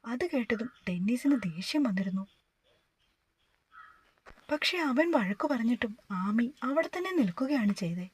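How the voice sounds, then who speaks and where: Husky-voiced woman reading a novel. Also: a little high, a little slow, pauses often. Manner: steady storytelling. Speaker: narrator.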